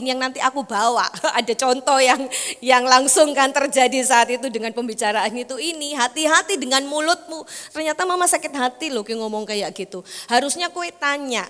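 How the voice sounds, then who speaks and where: A woman's voice: high voice, a bit bright. A woman preaching a sermon in a church, chatty and conversational, acting out voices of family members in her stories. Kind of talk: sermon with acted-out family anecdotes. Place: church hall. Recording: echoey church hall.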